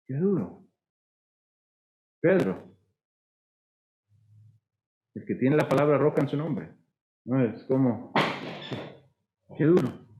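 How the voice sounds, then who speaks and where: A man's voice: mid-range voice, lively intonation, slow pace, pauses often, roomy sound, lo-fi sound. A man preaching a sermon with a Costa Rican accent, conversational and acting out the voices he quotes. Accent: Costa Rican Spanish. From Costa Rica. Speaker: pastor.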